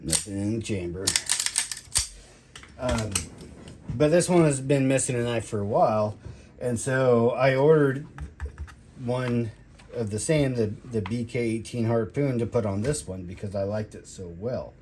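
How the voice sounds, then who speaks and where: Slow, halting man rambling through a review. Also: mid-range voice, darkish tone, a little hiss or hum. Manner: halting, drawn-out delivery with trailing phrases. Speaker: product reviewer, military veteran. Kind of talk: casual rambling gear review.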